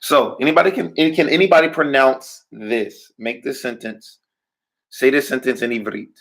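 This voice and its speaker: With a mid-range, fairly bright voice and some vocal fry, this man teaches Hebrew at a moderate pace, his intonation mostly even. He keeps asking "right?" or "all right?" and puts questions to the class, pausing for replies.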